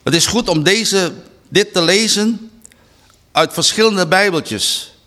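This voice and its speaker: A man giving a preaching Bible study talk, reading slowly and deliberately with emphatic restarts. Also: sits high, sharp tone. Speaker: Bible teacher.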